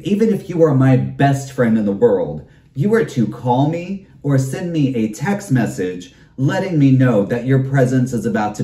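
A man's voice: mid-range voice, mellow. A man hosting his own videocast, delivering a campy, profane comedic rant and calling listeners darling. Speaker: videocast host. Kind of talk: comedic ranting monologue. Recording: roomy, distant mic.

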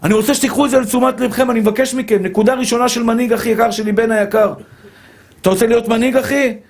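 A man's voice: very high voice, steady tone. A male rabbi giving a Torah lesson to a live audience, speaking emphatically, repeating phrases and calling his listeners dear brothers.

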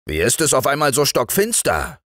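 A man voicing a blustering, hungry farmer husband with loud, eager exclamations. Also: mid-range voice, huge pitch swings, normal speed, no room sound, studio quality, voice pushed up. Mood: angry.

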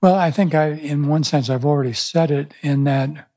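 A pastor and author in his seventies tells stories thoughtfully in a reflective interview, often restarting his sentences. His voice is fairly high-pitched and dark-toned at a normal speed, recorded in a small indoor room on a boom-arm studio microphone.

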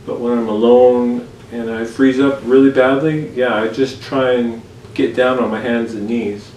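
A man in his forties talking candidly in a casual vlog, relaxed and easygoing, often pausing with fillers as he speaks. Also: mid-range voice. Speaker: vlogger. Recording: roomy sound from a distant mic with faint background hiss.

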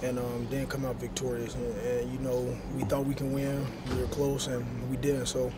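Young male athlete, postgame presser, halting and measured, heavy crowd noise behind. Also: medium pitch, completely flat delivery. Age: young adult. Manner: measured, halting, many fillers. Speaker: college linebacker. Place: stadium concourse with crowd noise.

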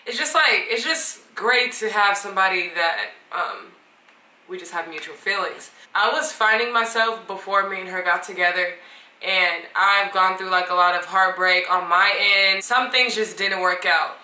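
A woman's voice: medium pitch, moderate pace, pushed and bright, roomy sound, distant mic, poor audio. A woman co-hosting a vlog in casual chat, filling her talk with "like". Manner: chatty, heavy use of "like". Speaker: vlog co-host.

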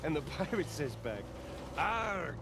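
A joking adventurer with a fairly high voice, spinning a bar joke in a playful, storytelling way. The game audio carries a clear bed of background noise. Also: male voice, sing-song, slow.

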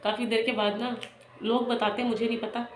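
A woman's voice: a little high, level tone. Woman retelling a loss in an echoey room. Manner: emotional, halting retelling with many restarts. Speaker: vlogger. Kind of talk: personal storytelling. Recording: echoey room with faint noise.

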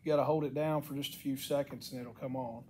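A man's voice: mid-range voice, fairly even intonation, quick pace, mellow, a little hiss or hum. A middle-aged man with a congested, cracking voice, giving a casual, folksy product walk-through in a plain-spoken way. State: congested, voice cracking from sinus infection and allergies. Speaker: product reviewer. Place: indoor wooden-shelved workshop.

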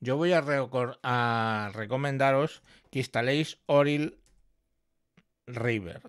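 A software tutorial presenter talks slowly in a mid-range, clean-toned voice during a screen-recorded tutorial. He explains things step by step, often checking in with "¿vale?". The recording sounds echoey, with the signal processed through audio effects.

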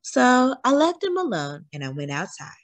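A woman reading a children's picture book aloud as a teacher, expressive and animated. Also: fairly high pitch, moderate pace. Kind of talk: children's storybook read-aloud.

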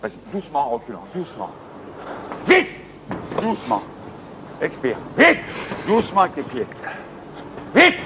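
A man coaching an exercise session indoors, giving brisk counted commands and encouragement. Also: fairly high pitch, wildly swooping pitch, background noise. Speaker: fitness coach.

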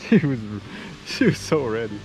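A man commenting excitedly from a small boat on a river, exclaiming as he talks to his viewers. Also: mid-range voice, rough recording. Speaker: fishing vlogger. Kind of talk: casual vlog commentary. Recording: wind and boat noise behind.

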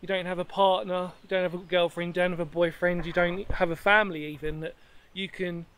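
A man's voice: sits high, little pitch movement, fairly quick, fairly bright tone, slight background noise. A man in his thirties talks to a handheld camera while exploring a sandstone cave in woodland, rambling enthusiastically and correcting himself as he goes. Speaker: history explorer vlogger. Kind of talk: walking vlog to camera. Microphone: handheld camera at arm's length.

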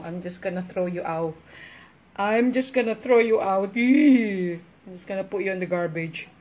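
A woman's voice: medium pitch, low-quality recording. A woman with a Filipino accent chatting casually in her home mukbang vlog, mixing in Tagalog and laughing often. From Philippines. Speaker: vlogger.

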